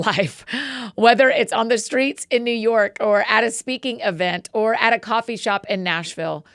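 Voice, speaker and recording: A woman's voice: medium pitch, gravelly, no room sound, studio quality. A woman, hosting a podcast and speaking earnestly with frequent laughs. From Atlanta, USA. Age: 40s. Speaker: podcast host. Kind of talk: scripted monologue and casual chat.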